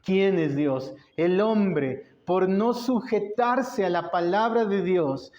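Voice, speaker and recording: A man from Colombia preaches in a high, unhurried voice, pressing his points by repeating them and posing rhetorical questions. The sound is dull and lo-fi, with a roomy echo around him. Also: a little mellow. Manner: emphatic, repeats key phrases, rhetorical questions. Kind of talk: sermon. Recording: echoey room, dull lo-fi sound.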